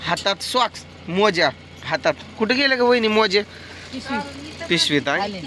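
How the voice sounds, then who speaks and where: A man's voice: sits high, expressive, measured pace, bright, forceful tone, a little hiss or hum. A man performing a comic village-family skit, nagging and scolding in an exasperated way. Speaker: comic vlogger.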